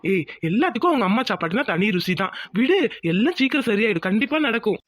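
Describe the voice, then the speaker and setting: A woman voicing a young village man in a cartoon, a hungry, doting son and caring husband who talks fast, pleading and teasing. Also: medium pitch, very animated, no room sound. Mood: concerned husband. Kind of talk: Tamil cartoon voice acting.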